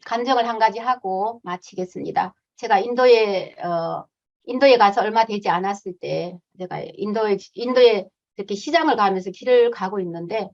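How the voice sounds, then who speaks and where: Earnest woman missionary giving a talk. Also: a little high. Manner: earnest, emotional storytelling with many fillers. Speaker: missionary teacher. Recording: dull lo-fi sound.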